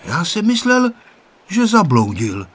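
A small, cheerful boy speaks in a high, childish voice, drowsy and soft around the edges, as a man reading aloud puts him on. A husky grain shows beneath. It is a storybook reading. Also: very animated, heavily acted. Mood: childlike. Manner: drowsy, then eager. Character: sleepy, cheerful little boy.

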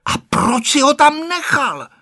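A little schoolgirl, earnest and a bit bossy, squeaks her words in a high, bright voice, as a man reading aloud puts her on. A faint husky grain sits under the put-on pitch. It is a storybook reading. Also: wildly swooping pitch, full character voice. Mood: urgent. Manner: high, pleading calls.

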